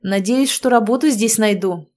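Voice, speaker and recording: A woman's voice: fairly high pitch, moderate pace, darkish tone, close to an everyday voice. A woman reading a blunt young soldier son. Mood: wry.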